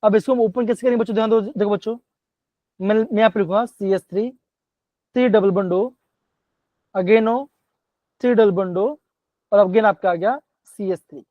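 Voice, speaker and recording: A man's voice: sits high, normal speed, pauses often, dry recording. Male chem teacher on an online class, keeps asking kids to answer, words, muffled dull stream, dry sound. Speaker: chemistry teacher.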